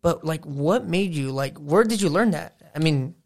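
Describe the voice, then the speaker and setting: A man's voice: on the high side, lively intonation, normal speed, a little mellow. A man hosting a casual interview, laid-back and slangy, reflecting back on what his guest said. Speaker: interviewer host.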